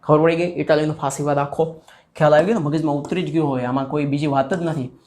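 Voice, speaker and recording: A man teaching a school history chapter, lively, asking students questions and acting out quotes. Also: a little high, fast.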